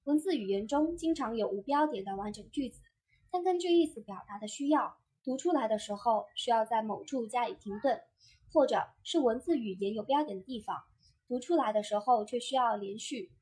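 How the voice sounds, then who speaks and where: Husky-voiced woman teaching voice acting. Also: on the high side, animated, a little fast, mellow. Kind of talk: scripted instructional narration.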